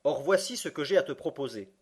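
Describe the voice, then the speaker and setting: Stubborn old professor guy, bossy and loud, man reading him in an audiobook. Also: on the high side, expressive, a little fast, slightly rough. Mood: insistent. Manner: forceful, commanding. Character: stern obstinate older male professor.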